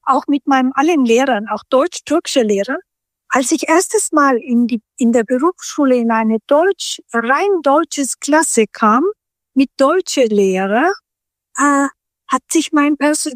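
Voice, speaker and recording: This interview guest is a middle-aged woman from Turkey, a Turkish native speaker with a high voice. Though animated, she speaks slowly and thoughtfully, restarting sentences often as she hunts for words, in a close, dry recording free of room sound.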